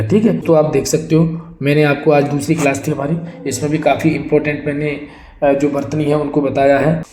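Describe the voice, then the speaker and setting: Hindi teacher drilling spellings, echoey room. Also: male voice, fairly high pitch, warm tone. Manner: drills words by repeating them, then correcting; asks the class rhetorical questions. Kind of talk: exam-prep spelling lesson.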